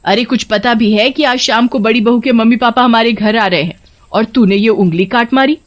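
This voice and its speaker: A woman's voice: a little high, moderate pace, voice pushed up, close to an everyday voice. A woman voicing a cruel middle-aged mother-in-law who scolds harshly. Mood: scolding. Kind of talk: storybook voice acting.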